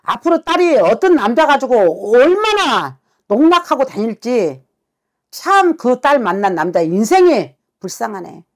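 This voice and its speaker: A woman fortune teller tearing into a client with a high voice that swoops up and down. She swears freely, scolds without letting up, and keeps firing short demands for an answer. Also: sing-song, measured pace. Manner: harsh, swearing, berating. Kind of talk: scolding a client during a consultation.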